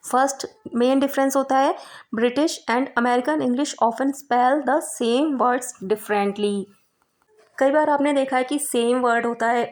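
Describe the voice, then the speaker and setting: A woman teaching an English vocabulary lesson who explains word differences, spells words out letter by letter and reads English sentences slowly and carefully. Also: sits high, a little mellow.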